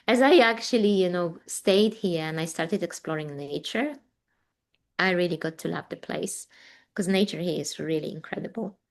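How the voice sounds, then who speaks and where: With a gravelly, fairly low voice at normal speed, a Polish-accented guest artist in her forties from Poland rambles warmly through a casual interview. She laughs often and fills her speech with fillers.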